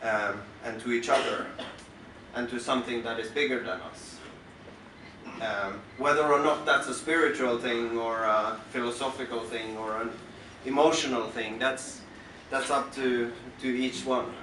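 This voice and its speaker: Halting and unhurried, a western Norwegian musician with a Norwegian accent introduces his work in unscripted talk to a club audience, pausing and restarting often. His medium-pitched voice has fairly even intonation and sounds pushed and bright. Recorded from the audience through the house speakers, the reverberant far-off sound carries slight background noise.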